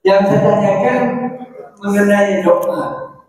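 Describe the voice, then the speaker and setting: A man in the audience asks a polite, formal question, his voice pitched high for a man. He sounds far from the mic, and the hall washes his voice in heavy echo and long reverb. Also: steady tone, slow, a little mellow. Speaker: audience member asking a question. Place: mosque hall. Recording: very echoey, distant mosque mic.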